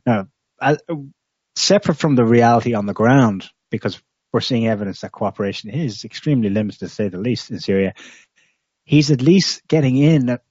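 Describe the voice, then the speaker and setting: A man co-hosting a political discussion, reading out quotes and analysing them in a measured way. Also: mid-range voice, darkish tone, breathy edge, dry recording. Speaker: co-host. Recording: muffled dry audio.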